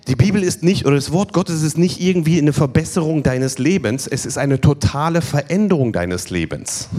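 A man's voice: mid-range voice, a little mellow. A man preaching a sermon at a healing service, emphatic and repetitive, counting through numbered points. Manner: emphatic, repeats key phrases, counts points.

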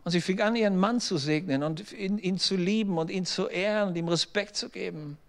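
A middle-aged male pastor with a fairly high voice delivers a lively, story-driven sermon. He slips into the voices of the people in his anecdotes, then turns and speaks straight to his listeners. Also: a little fast. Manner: storytelling preacher, acts out quoted voices, direct address to listeners.

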